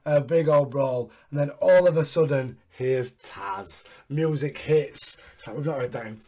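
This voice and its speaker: A man hosting a casual recap chat with sweary, excitable fan talk. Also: medium pitch, moderate pace, slightly rough. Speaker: wrestling podcast host.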